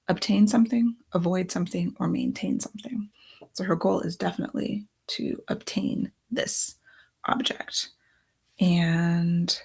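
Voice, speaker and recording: Gravelly, husky woman thinking aloud. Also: medium pitch. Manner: thinking aloud, reading quotes from cards. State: losing her voice. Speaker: author. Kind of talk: casual talk-through of writing process.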